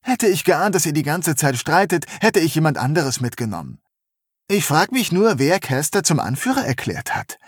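A woman's voice: sits low, sing-song, normal speed, slightly rough, no room sound, clean studio sound, voice pushed up, exaggerated voice. A man reading aloud, voicing a determined young woman who keeps her quarrelling companions in line, scolding and urgent. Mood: exasperated.

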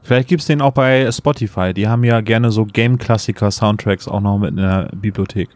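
Low-voiced man asking questions. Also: fairly quick. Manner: relaxed, asks questions and tosses in remarks. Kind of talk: casual chat.

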